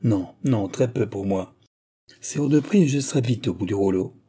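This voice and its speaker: A man reading an audiobook, voicing a chatty, brash young woman film star who complains in lively slang, with a husky voice. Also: on the low side, normal speed. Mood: complaining.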